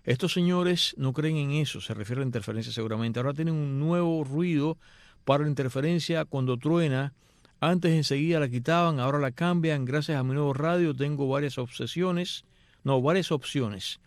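Man, radio host reading emails, animated, close dry studio sound. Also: a little high, normal speed, dry recording. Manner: animated, reads emails in playful put-on voices. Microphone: headphones and studio mic.

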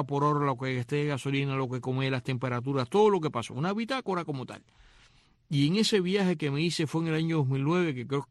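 A middle-aged Cuban man with a Cuban accent, hosting a casual, digressive talk and spelling words out slowly. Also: on the high side, dry recording, clean studio sound. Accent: Cuban Spanish. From Cuba. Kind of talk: casual explanatory monologue.

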